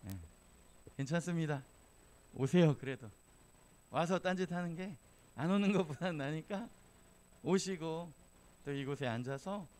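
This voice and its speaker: A man giving a casual, humorous youth sermon in a church, telling stories and acting out quotes. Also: on the high side. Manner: chatty and humorous, slipping into acted quotes. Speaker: youth pastor. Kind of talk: casual storytelling sermon to teenagers.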